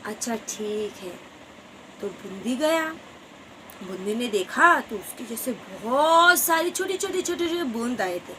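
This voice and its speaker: Slow, bright-voiced woman telling a children's tale. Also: high-pitched, slight background noise, poor audio. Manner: slow, expressive storytelling with drawn-out words. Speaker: storyteller. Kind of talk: children's story narration.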